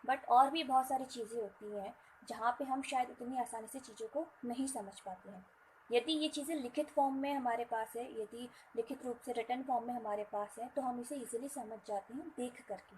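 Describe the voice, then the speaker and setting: A woman's voice: a little high, a little hiss or hum, low-quality recording. A woman explaining an English lesson, mixing Hindi and English and often checking in with the class. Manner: repetitive, checking in with "theek hai" and "right". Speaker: English teacher.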